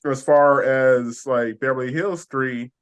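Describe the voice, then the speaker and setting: Halting man in a podcast chat. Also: medium pitch, fairly even intonation, clean tone. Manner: halting, lots of fillers and restarts. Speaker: podcast co-host.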